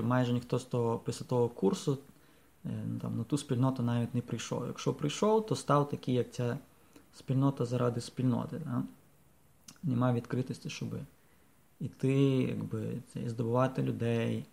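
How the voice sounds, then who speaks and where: A man's voice: medium pitch, moderate pace, creaky, a little mellow. A man, a priest, talking informally on a podcast, reflective and hesitant, with many fillers and restarts as he explains through examples.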